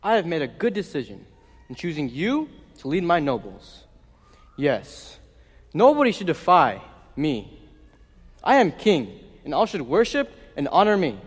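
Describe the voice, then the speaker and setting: A vain and proud king who boasts and gives orders, as a man plays him. His pitch swings widely and sits a touch high, with a long hall reverb behind him. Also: wildly swooping pitch, measured pace, pauses often, slightly rough, exaggerated voice. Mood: commanding. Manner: boastful, commanding. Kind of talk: amateur stage play acting.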